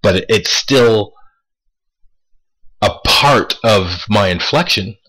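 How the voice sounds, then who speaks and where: A man talking straight to camera in a casual monologue. He speaks deliberately, repeats words for emphasis and asks rhetorical questions. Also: lowish voice, a bit bright, husky, rough recording. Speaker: vlogger.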